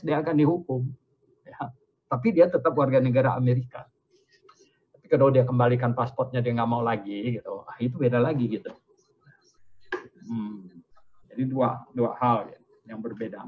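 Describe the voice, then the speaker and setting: An older man, an invited pastor, explaining doctrine in a question-and-answer session, animated and chuckling, with swings of pitch. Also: husky, lo-fi sound. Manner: animated, chuckling, pitch rising and falling widely.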